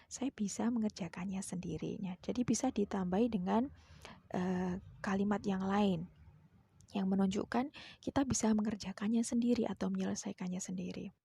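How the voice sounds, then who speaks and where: A woman teaching an English lesson. She reads each English phrase slowly and then translates it. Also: mid-range voice, fairly even intonation, creaky, warm tone, breathy edge, dry recording. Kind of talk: classroom lesson.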